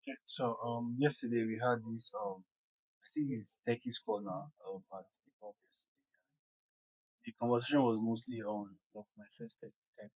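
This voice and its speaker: A man's voice: mid-range voice, expressive, moderate pace, creaky, a little mellow, slightly rough, no echo, poor audio. A young Nigerian man with a Nigerian accent, talking as an interview guest in a hesitant way, full of ums and restarts. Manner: hesitant, many ums and repeated words. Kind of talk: casual interview chat.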